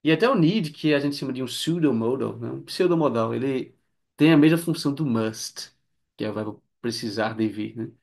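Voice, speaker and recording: A man's voice: fairly quick, gravelly. A man with Portuguese as his first language explains English grammar in a chatty lesson, tagging phrases with frequent questions. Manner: chatty, frequent "né?" tag questions, lively swings in pitch. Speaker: English teacher.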